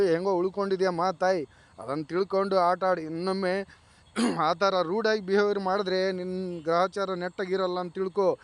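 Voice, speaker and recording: A man giving reality show commentary, lecturing and scolding a contestant directly. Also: sits high.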